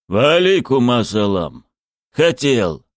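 A man voicing a grieving male coach who shouts threats through tears in an audiobook. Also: medium pitch, sing-song, takes it slowly, dry recording, clean studio sound, pitched above the performer's own voice. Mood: cold.

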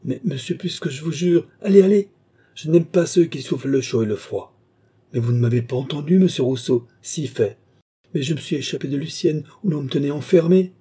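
Brief: anguished young man pleading, played by a male narrator, husky and high. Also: a little fast, warm tone. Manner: pleading, rising to anguished cries. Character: young man, humble and desperate.

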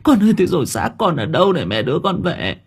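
A man's voice: a little high, big pitch swings, quick pace, breathy edge, voice pushed up, heavily acted. A man voicing a grieving middle-aged mother who pleads and wails in an audiobook. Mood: pleading. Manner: wailing, pleading.

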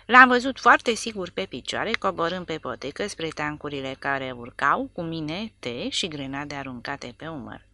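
Woman narrating with lively low voice. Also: few pauses. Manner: expressive reading. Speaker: audiobook narrator. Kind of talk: scripted war novel narration.

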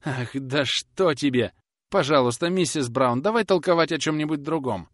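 A man's voice: a little high, expressive, normal speed, no echo, clean studio sound, voice pushed up, lightly acted. A man playing a nervous young knife-grinder who pleads and dodges questions in a storybook reading. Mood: pleading. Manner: whining, pleading.

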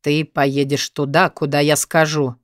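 A woman voicing a cold, domineering adult male teacher who speaks low, slow and menacing. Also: flat delivery, no room sound, clean studio sound.

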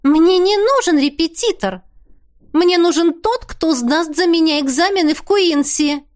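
A woman's voice: very high-pitched, lively intonation, a little slow, voice pushed up. A woman voicing a spoiled young woman who whines and pleads with her cousin. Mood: pleading whiny. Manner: whining, pleading.

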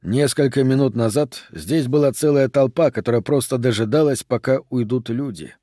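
Guy reading an audiobook, steady mid voice, dry close sound. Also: medium pitch, normal speed, no echo. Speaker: audiobook narrator. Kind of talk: scripted audiobook narration.

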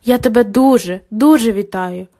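A woman voicing a calm, confident female academic supervisor who speaks in a firm, encouraging way. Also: fairly high pitch, normal speed. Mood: enthusiastic.

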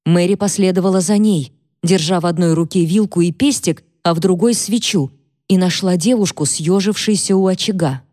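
A woman narrating a historical novel in even, measured scripted storytelling. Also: fairly low pitch, no room sound, clean studio sound. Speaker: audiobook narrator.

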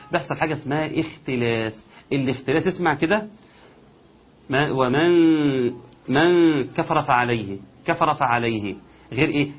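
Egyptian guy teaching recitation, kinda husky voice, slow chanted examples, dull lo-fi audio. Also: fairly high pitch. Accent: Egyptian Arabic. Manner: explains step by step, then chants example verses slowly. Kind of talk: recitation lesson. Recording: dull lo-fi sound.

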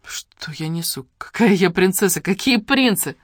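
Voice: mid-range voice, expressive, normal speed, husky, no echo, pitched above the performer's own voice. A reader voicing a confused young woman who protests and groans, close to the reader's own voice. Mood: indignant. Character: bewildered, indignant young woman.

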